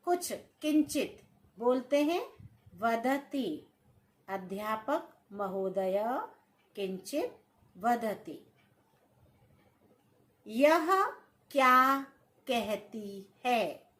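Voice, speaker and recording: A woman teaching a Sanskrit grammar lesson, dictating sentences word by word and stretching each word. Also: high voice. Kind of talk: slow classroom-style grammar lesson.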